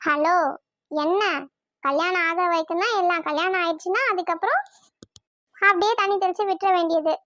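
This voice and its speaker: A woman voicing a cheeky young bride in an animated family series, teasing her new husband in a sing-song way. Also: extremely high pitch, a little fast, long pauses, no room sound.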